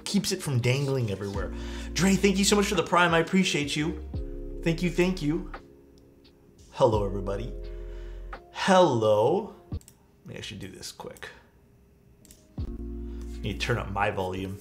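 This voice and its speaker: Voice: mid-range voice, sing-song, moderate pace, soft background music. A live streamer chatting casually with viewers, thanking them and using slangy, mildly sweary talk full of dude and bro.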